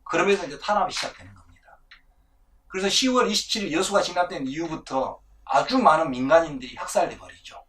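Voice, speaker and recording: A man explains events firmly as a historian, in a fairly high voice. He sits some way from the microphone, so his voice sounds distant. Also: fast, a bit bright. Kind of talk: expert explanation.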